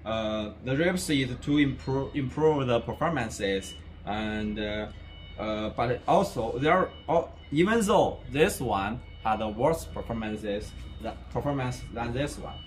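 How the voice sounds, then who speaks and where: Faint music plays behind a young man's mid-range voice as he slowly guides a walking tour of a large indoor factory warehouse. Speaking English as a non-native, he is hesitant, repeatedly saying "uh" and restarting.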